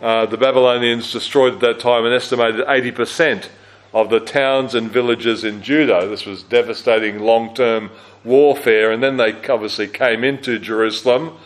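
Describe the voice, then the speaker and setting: At a church camp, a low-voiced man leads a Bible study in a conversational way, full of fillers and self-corrections. His intonation stays fairly even and his speed normal.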